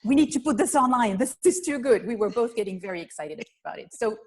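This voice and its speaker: A woman's voice: fairly high pitch, expressive, quick pace, darkish tone. A woman from Belgium with a Belgian accent, a guest presenter giving an earnest, explanatory webinar talk over a video call. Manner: earnest, explanatory, slightly non-native phrasing. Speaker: guest presenter, physical therapist.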